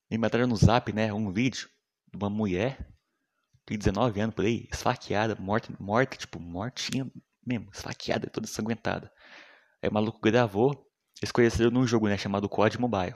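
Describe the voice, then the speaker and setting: A young man with a fairly low voice delivers a casual, rambling monologue. He swears freely, uses lots of slang, and often lets his sentences drop off into a mumble. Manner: slangy, profane, rambling, often trails off quietly.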